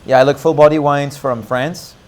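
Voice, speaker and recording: A man's voice: on the high side, fairly even intonation, moderate pace, a little mellow. A man in his twenties chatting casually and rambling with self-assurance, filling gaps with fillers as he talks. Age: 20s. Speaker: interviewee. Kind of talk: casual chat.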